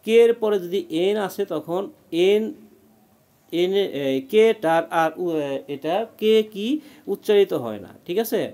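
A man's voice: sits high, measured pace, pauses often, dark tone. A man talks through a spelling lesson one letter at a time. His voice sits a little above the usual male range. He checks in often to keep the student following along. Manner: patient, explains letter by letter and keeps checking "ঠিক আছে?". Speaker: teacher.

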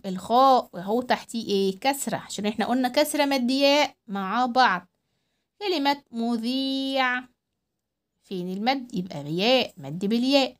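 High-voiced Egyptian woman teaching children. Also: fairly bright tone. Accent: Egyptian Arabic. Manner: drawn-out syllables for young learners. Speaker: primary school teacher. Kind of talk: children's reading lesson. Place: voice-over recorded at home.

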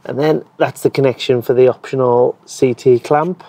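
In a garden beside a wooden shed, a man in his thirties, an EV charger installer and host of a channel, shows how an installation is done. He talks at a normal pace and medium pitch into a lapel mic, hoarse, relaxed and explanatory, frequently filling with um and so.

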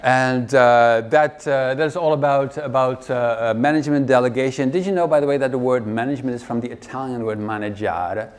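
A man's voice: mid-range voice, brisk, hardly any pauses, clear, resonant tone. A middle-aged man giving a wry, joking conference keynote in a large hall, speaking into a headset mic. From Netherlands. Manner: wry, joking, lively presenter.

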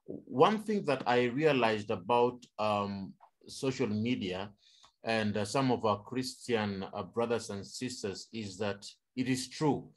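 A man's voice: lowish voice, takes it slowly. Preaching man with rhetorical questions. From Kenya. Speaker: panel speaker. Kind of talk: online panel talk.

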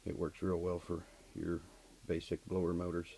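A man explaining a furnace repair while he works, his voice low and unhurried with little rise and fall. He talks in a practical, matter-of-fact way, full of little fillers. The handheld camera audio carries a clear layer of noise behind him. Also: completely flat delivery, warm tone, poor audio. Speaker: HVAC technician. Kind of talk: hands-on repair tutorial. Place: basement furnace area and workshop floor. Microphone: camera held by the speaker while working.

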